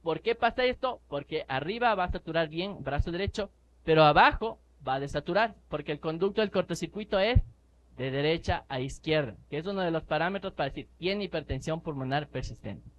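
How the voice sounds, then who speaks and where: A man with a high voice delivers a medical lecture, stressing key points and posing rhetorical questions to his listeners. The recording is slightly dull, with a faint hiss of noise behind him. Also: lively intonation, brisk. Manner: explanatory, emphatic, rhetorical questions. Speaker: neonatology lecturer.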